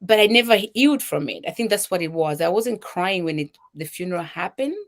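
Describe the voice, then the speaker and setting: A woman from Zambia with a Zambian accent and a slightly low-pitched voice tells a personal story on a talk show. She speaks with emotion and energy, and she voices the lines of people in her story. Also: animated, a little fast. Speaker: guest, charity founder.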